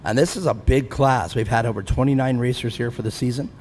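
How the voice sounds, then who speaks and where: This fifties-aged announcer has a medium, slightly mellow voice and speaks a bit quickly over slight background noise. He narrates an off-road race from an outdoor track's grandstand, joking at his own expense and laughing frequently.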